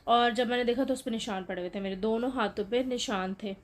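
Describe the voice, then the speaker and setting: A young woman with a fairly high voice recounts a frightening night in a casual, conversational vlog. She explains things as if gesturing to the viewer, checking in with little asides, and her voice rises sharply when she relives the fear. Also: quick pace. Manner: explains with gestures, frequent "theek hai" check-ins. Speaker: vlogger telling her own horror story.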